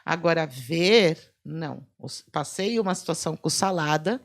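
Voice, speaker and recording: A middle-aged woman with a Brazilian Portuguese accent, a forensic photographer telling lively anecdotes in a podcast chat and acting out the dialogue. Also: deep voice, moderate pace, gravelly. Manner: lively anecdotes, acts out quoted dialogue, laughs often. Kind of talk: animated storytelling in a podcast chat.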